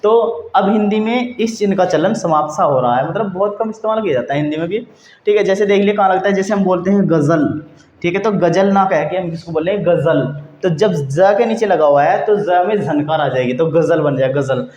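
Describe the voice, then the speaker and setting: A man's voice: sits high, fast talker, darkish tone. Man teaching grammar in an echoey room. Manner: addresses viewers as friends, repeats "theek hai" often. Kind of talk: explanatory online lesson. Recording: echoey room, dull lo-fi sound, faint noise.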